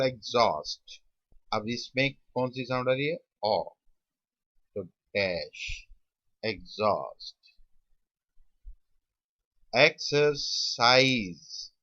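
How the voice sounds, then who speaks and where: A male shorthand tutor stretches out each sound as he teaches, slipping English terms into his lesson. His voice is bright and forceful. The recording is dry and a little dull. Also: mid-range voice, no room sound. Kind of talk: classroom lesson.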